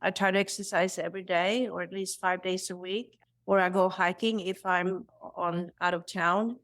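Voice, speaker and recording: A middle-aged woman from Sweden, a cardiologist guest speaking in a warm, reassuring way, laughing often and repeating words. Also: fairly low pitch, flat delivery, normal speed. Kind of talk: conversational interview.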